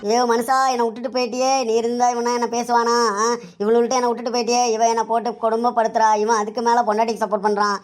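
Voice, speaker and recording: A woman's voice: high voice, fairly even intonation, quick pace, soft background music, lightly acted. A woman playing a complaining widowed mother-in-law in a family comedy skit, with a Kanyakumari Tamil accent. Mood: wailing. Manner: wailing, complaining.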